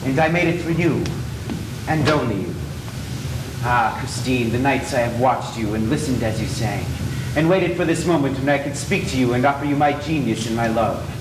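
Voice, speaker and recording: A man playing a disfigured masked man, obsessive and possessive, in a stage play, swinging from soft pleading to shouting rage. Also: medium pitch, moderate pace, natural voice. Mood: tender, intense. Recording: echoey stage from a distance, faint noise.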